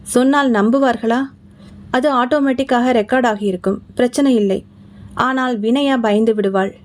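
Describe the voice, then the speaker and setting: A woman's voice: fairly high pitch, normal speed, a little mellow. A woman with a Tamil accent, reading a horror story aloud and voicing each character herself. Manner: voices every character herself. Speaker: audiobook narrator. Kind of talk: scripted storytelling narration.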